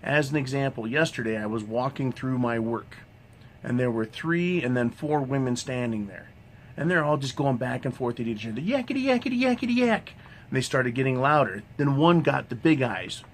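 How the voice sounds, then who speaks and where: A man's voice: mid-range voice, moderate pace, a little hiss or hum. A man ranting in a monologue vlog, swearing constantly in a combative tone and tagging "right?" onto his sentences. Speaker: vlogger.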